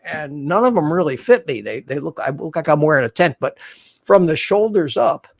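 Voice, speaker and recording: A creaky, slightly high voice belongs to a man in his seventies hosting a relaxed livestream from his home studio on a desk mic. He sounds animated at a moderate pace, with no echo, and rambles chattily while frequently starting his sentences over.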